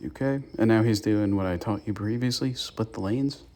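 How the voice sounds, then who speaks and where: Warm and on the low side, this young man's voice moves at a normal speed. As host of his gaming channel, he chats casually over gameplay and passes along tips to his viewers.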